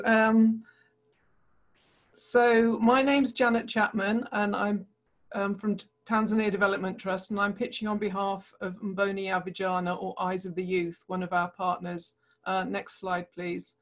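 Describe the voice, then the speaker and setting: Woman, prepared pitch, steady delivery, flat intonation. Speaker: pitch presenter.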